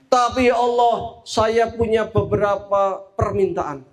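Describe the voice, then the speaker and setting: A Javanese-accented man voicing a proud, defiant male devil who pleads with God in drawn-out, stretched phrases. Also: high voice, fairly even intonation. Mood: proud pleading.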